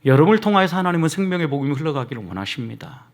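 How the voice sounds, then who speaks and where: This middle-aged preacher speaks very fast in a higher voice with big pitch swings, alternating hushed asides with emphatic surges as he calls out to the people in his congregation.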